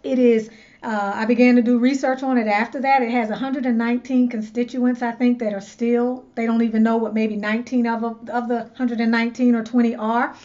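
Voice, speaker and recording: Speaking a little high in a level, mellow tone and at a fairly quick pace, a woman recounts a personal story to camera. She's a loc stylist and channel host, chatty and earnest, often repeating words as she looks for the right ones. The audio is lo-fi.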